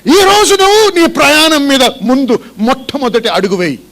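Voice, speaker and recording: A man's voice: very high voice, moderate pace, fairly bright tone. A male pastor preaching a sermon in a church, asking repeated questions and calling on the congregation to respond.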